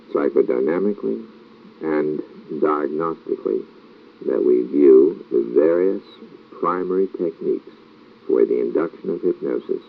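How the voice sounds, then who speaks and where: A man giving a formal, scripted clinical lecture in a slow, measured hypnotist's manner, with frequent pauses. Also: very deep voice, vocal fry, a little hiss or hum. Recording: dull lo-fi old tape recording.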